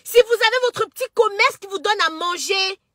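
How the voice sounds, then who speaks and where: A woman's voice: extremely high pitch, moderate pace, a bit bright, no room sound, clean studio sound. A woman with a Cameroonian French accent, a social media entrepreneur, talking passionately to her followers and often stumbling over repeated words. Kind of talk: emotional direct-to-camera social media monologue.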